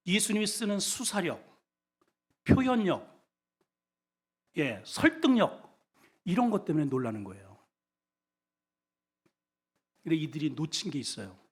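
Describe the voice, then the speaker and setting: High, animated Korean pastor preaching. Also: male voice, unhurried, long pauses, slightly rough. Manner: dynamic, swings from loud exclamations to low quiet asides; shouts often in his preaching. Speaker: senior pastor. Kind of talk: sermon.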